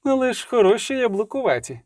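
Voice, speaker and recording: A man voicing a brash young female bandit who shouts orders. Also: fairly high pitch, expressive, moderate pace, dry recording, clean studio sound, voice pushed up, natural voice. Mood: eager. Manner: shouting, bossy.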